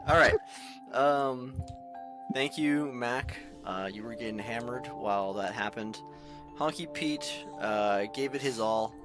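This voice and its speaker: A man's voice: medium pitch, slow, music in the background. A laid-back man running a tabletop game as game master, with a wry way of talking.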